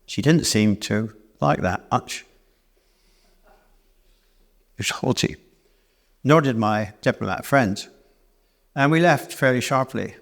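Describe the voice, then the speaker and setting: A man's voice: medium pitch, takes it slowly, creaky, long pauses. A man telling a rambling, self-deprecating travel anecdote live on stage in a church venue, with frequent restarts. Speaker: cabaret storyteller and singer. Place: church hall, live performance.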